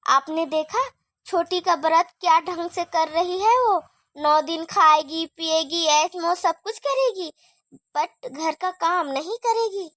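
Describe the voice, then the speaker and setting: A woman's voice: very high-pitched, slow, a bit bright, dry recording, full character voice. A woman voicing a complaining, gossipy elder daughter-in-law in a cartoon story.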